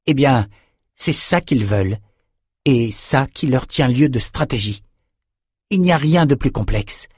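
A man voicing a grim, wounded male lord leading a battle, speaking in steady, reasoned commands in an audiobook. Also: medium pitch, unhurried, slightly rough, no room sound, studio quality, pitched above the performer's own voice. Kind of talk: audiobook character reading.

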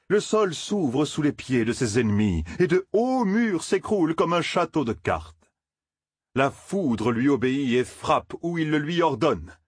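A man voicing a sly, theatrical male peddler who spins his news slowly and grandly, in an audiobook. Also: on the high side, breathy edge, dry recording, clean studio sound, pitched above the performer's own voice, heavily acted. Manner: drawn-out, pompous storytelling. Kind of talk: audiobook character voice.

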